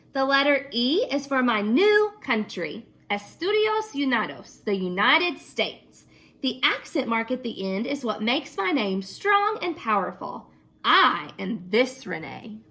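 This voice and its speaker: A woman's voice: high voice, a little slow. A woman teacher reading a picture book aloud to children and then asking the class questions about it. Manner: expressive, asks children questions.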